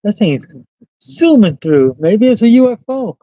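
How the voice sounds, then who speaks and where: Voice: medium pitch, big pitch swings, unhurried, mellow, no room sound. A person with a Puerto Rican accent hosting a casual live chat, playful and bantering. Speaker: livestream host. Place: live stream of an eclipse viewing. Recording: dull lo-fi livestream audio.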